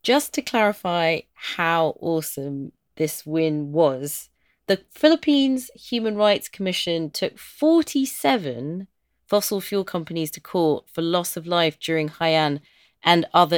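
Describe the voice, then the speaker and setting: A woman's voice: deep voice, animated, unhurried. A woman co-hosting a podcast and working as its producer, emphatic and enthusiastic when she presents segments. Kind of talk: podcast chat and scripted segments.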